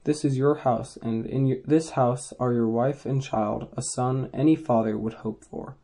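A man's voice: medium pitch, steady tone, measured pace, dark tone. A man reading the lines of a firm, protective goddess who chides and reassures a hero, in his own everyday voice. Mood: chiding.

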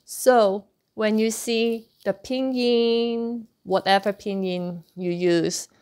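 A woman's voice: medium pitch, steady tone, slow, a little mellow, clear, resonant tone. A woman teaching an online language lesson, patiently repeating sounds for practice. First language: Cantonese. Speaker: Cantonese teacher.

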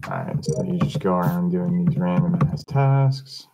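A young man chatting over a game, his voice a little on the low side. He explains things in a loose, laid-back way, with faint music playing behind him. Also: animated, normal speed, gravelly, mellow. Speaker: gamer. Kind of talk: casual gaming voice chat.

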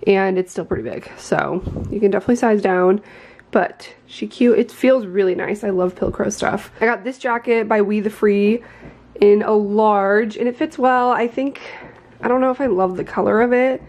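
Medium in pitch, moderately paced and a little mellow, this voice belongs to a twentysomething vlogger recording on a handheld phone in her bedroom. Her chat is casual and slightly rambling, with the odd laugh.

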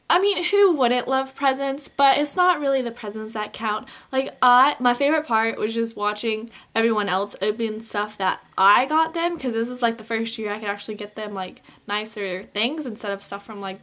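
Teen girl vlogger, upbeat and rambling, slightly high, camcorder mic at home. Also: fairly bright tone. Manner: chatty, upbeat, many fillers. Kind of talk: casual holiday haul vlog. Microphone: camcorder built-in mic.

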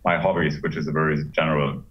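A man in his forties from Germany, speaking in a measured, thoughtful way with many pauses as a guest on a video-call interview. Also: very deep voice, little pitch movement. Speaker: pharma executive guest. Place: home room with high ceiling. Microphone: laptop webcam mic on a video call. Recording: muffled, distant video-call audio.

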